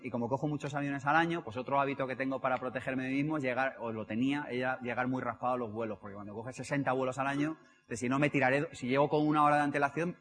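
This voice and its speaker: A young man from Spain gives a live motivational talk, telling stories and asking the audience questions. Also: medium pitch. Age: young adult. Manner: lively storytelling, asks the audience questions. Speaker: motivational speaker.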